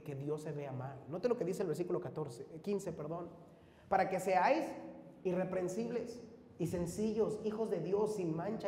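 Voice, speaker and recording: A middle-aged man preaches a sermon, pitched high with a mellow tone. He fires off rhetorical questions and drops from loud to hushed. His voice carries the long echo of a church hall over faint background noise. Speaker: pastor.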